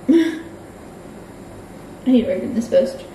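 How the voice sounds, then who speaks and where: A young woman with an Australian accent talks in a loose, frank way, sprinkling in swear words and fillers. Her voice sits a little higher than most women's. The sound bounces around a roomy space at home. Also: expressive, extremely slow, dark tone, slight background noise. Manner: chatty, frank, swears freely, lots of filler likes. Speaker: book vlogger. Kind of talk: casual reading vlog chat. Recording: roomy echo.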